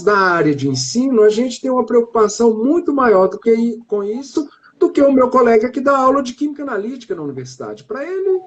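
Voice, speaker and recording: Brazilian prof guy, kinda husky voice, talks slow and measured in a live interview. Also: high-pitched, darkish tone, muffled recording. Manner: measured, drawn-out phrasing with pauses. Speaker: interviewed chemistry professor. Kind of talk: live-stream interview, explanatory.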